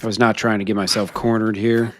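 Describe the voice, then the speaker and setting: A man's voice: brisk, slight background noise. A man streaming a survival game, chatting in character and to his viewers, laughing often as he talks. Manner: chatty, laughs often, lively swings in pitch. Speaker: streamer playing a role-play character. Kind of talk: live gameplay role-play chat.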